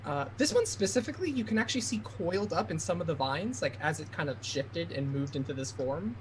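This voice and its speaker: A man's voice: a little high, big pitch swings, a little fast, background noise. A man running a tabletop game as game master, narrating scenes and explaining them to players.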